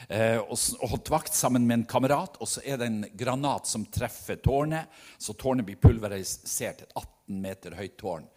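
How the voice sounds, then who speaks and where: A man preaching a sermon, telling stories earnestly and swinging between loud and hushed delivery. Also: mid-range voice. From Norway.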